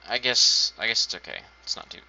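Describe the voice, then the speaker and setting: His lowish voice swoops wildly in pitch, brisk, creaky and sharp-toned. As a gaming channel host, he thinks aloud through his own gameplay in casual let's-play style, building and dropping dry, self-deprecating asides, all on a dull lo-fi home recording.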